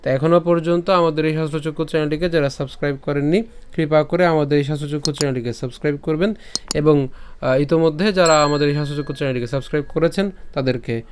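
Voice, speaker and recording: A man teaching scripture recitation, chanting verses slowly and then breaking them down syllable by syllable, often checking in with the listener. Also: fairly high pitch, fairly even intonation, slight background noise. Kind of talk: recitation lesson.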